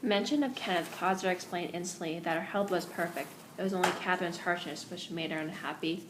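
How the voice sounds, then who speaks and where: A woman's voice: on the low side, fast talker. A woman reading a novel passage aloud, emphatic and sometimes stumbling over words. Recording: echoey room with faint noise.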